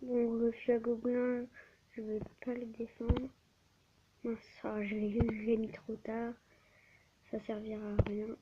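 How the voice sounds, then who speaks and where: A woman's voice: fairly high pitch, completely flat delivery, slow pace, pauses often. A woman giving live gameplay commentary on her channel, often stammering and restarting words, recorded on a tablet mic. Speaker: gaming channel host. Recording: dull lo-fi with faint hiss.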